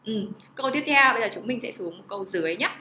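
A woman teaching a Japanese lesson online, talking in an animated way and asking rhetorical questions that she answers herself. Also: fairly high pitch, quick pace, roomy sound, slight background noise. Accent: Vietnamese.

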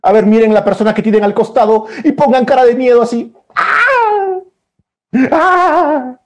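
A man telling a children's story, playful and animated, acting out each emotion with exclamations. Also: high voice, fast talker. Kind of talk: lively storytelling for kids.

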